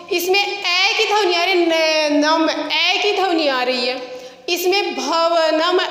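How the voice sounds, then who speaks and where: Slow, high-voiced woman teaching grammar. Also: bright, forceful tone. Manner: slow, drawn-out, repeating examples step by step. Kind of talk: online class lesson. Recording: echoey room with long reverb.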